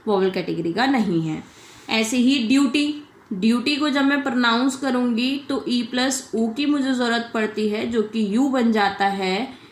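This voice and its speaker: A woman with a high voice gives a shorthand lesson online, taking it one step at a time. She keeps asking questions and answering them herself, and drops English terms into her sentences. Her voice carries a roomy echo. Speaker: shorthand teacher.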